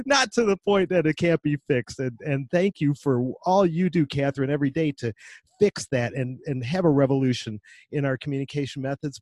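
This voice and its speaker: A man in his forties hosting a podcast, talking enthusiastically and acting out quoted lines with lively asides. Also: medium pitch, dry recording, clean studio sound. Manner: animated, quick asides, lively quoted voices. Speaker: podcast host. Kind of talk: enthusiastic conversational interview.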